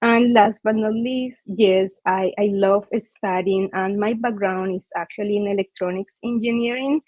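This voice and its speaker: In a friendly online user group presentation on a video call, a woman from Colombia speaks with a Colombian Spanish accent and plenty of fillers. Her mid-range voice is steady, a little mellow and moderately paced, and the dull, dry call audio has no echo.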